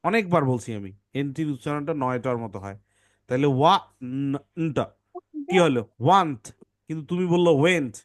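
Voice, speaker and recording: Guy teaching kids english sounds, slightly high voice, breaks words apart patiently. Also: expressive, quick pace. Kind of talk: online class teaching phonics to kids.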